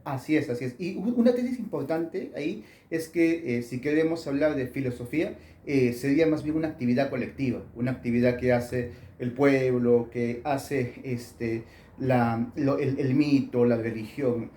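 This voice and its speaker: A man answers academic questions, pausing often and restarting his sentences. His voice is mellow and dark. It is recorded in an echoey room with faint ambient noise. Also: medium pitch. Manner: thoughtful, many fillers and restarts. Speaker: author being interviewed.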